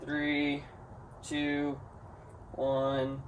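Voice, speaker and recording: Casual male vlogger, slightly high voice. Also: completely flat delivery, drawn-out words, noisy background. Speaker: vlogger documenting a challenge. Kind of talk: casual chat to camera.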